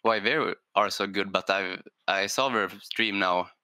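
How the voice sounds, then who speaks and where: A man's voice: low-pitched, fairly even intonation, unhurried, bright, forceful tone, smooth, no echo. A man who plays on a structured esports team, talking on a show panel in a thoughtful, hesitant way with many fillers and "right?" tags. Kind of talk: panel discussion on a gaming show.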